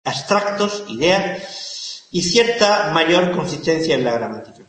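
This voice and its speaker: A man's voice: on the high side, expressive, takes it slowly, fairly bright tone, a little hiss or hum. Man lecturing in an echoey hall. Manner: emphatic, repeats key words, asks the class questions. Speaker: university lecturer. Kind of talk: classroom lecture.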